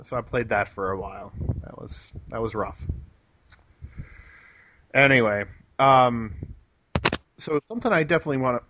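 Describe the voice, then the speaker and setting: A young man hosts a laid-back gaming podcast at a middle pitch. He hesitates a lot, restarting his sentences and filling gaps with "uh" and "um", and his humor stays dry. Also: lively intonation, normal speed, pauses often, pushed and bright, a little hiss or hum. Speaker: podcast host. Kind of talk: casual gaming podcast chat.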